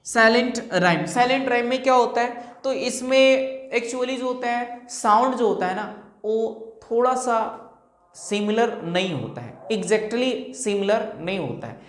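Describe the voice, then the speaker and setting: A woman teaching English rhyme types in Hindi mixed with English terms. She asks a question herself and then answers it, and she repeats example words slowly to show the stress. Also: fairly high pitch. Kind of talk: classroom-style lesson explaining rhyme types. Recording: echoey room.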